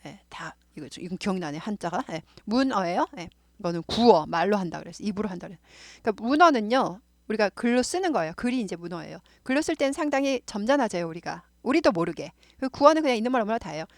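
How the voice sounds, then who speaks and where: Middle-aged woman tutor with a Seoul accent, mid-pitched, talkative and repetitive, dry recording. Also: expressive, fast, few pauses, dry recording. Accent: Seoul Korean. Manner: chatty, explains with repetition and asides. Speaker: English teacher. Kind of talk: casual grammar lesson.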